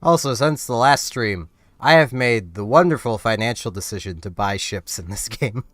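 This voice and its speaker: A man who sounds a bit congested, as if he's getting sick with a cold, chats casually while streaming a game. His mid-range, fairly bright voice has lively intonation and a moderate pace with no room sound, and his commentary rambles, mocks himself and breaks into frequent laughter.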